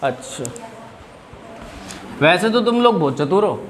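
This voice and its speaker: A man's voice: high-pitched, animated, a little slow. A young male teacher in a classroom, explaining English grammar in Hindi mixed with English and joking with students. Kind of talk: classroom lesson.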